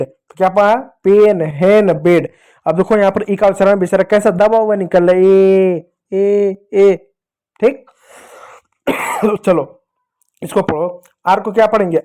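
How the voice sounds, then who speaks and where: A man teaching English phonics to children in Hindi, slow and patient, repeating each sound. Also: high-pitched, warm tone.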